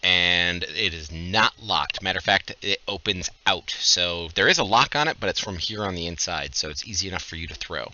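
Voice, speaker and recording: Bright, lively game master man. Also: low-pitched, normal speed, few pauses, dull audio. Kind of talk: running a tabletop game.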